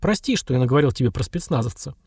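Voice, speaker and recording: A man's voice: medium pitch, animated, very fast, a little mellow, breathy edge, no echo, studio quality. A man voicing a young ex-soldier in a wheelchair in an audiobook, bitter and blunt, then sorry. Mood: remorseful. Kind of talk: audiobook dialogue.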